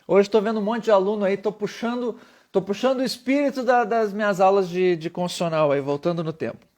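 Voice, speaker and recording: A man's voice: high-pitched, quick pace, a little mellow. A man teaching public speaking in a live-streamed lesson, emphatic, often putting questions to his viewers.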